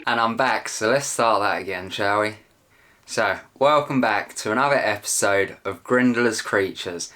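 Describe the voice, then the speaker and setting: A young man talks casually to his viewers in a voice that sits a little low. He rambles along in a chatty, self-deprecating way, like someone hosting his own channel. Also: measured pace, pushed and bright, slight background noise. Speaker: channel host. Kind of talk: casual video chat.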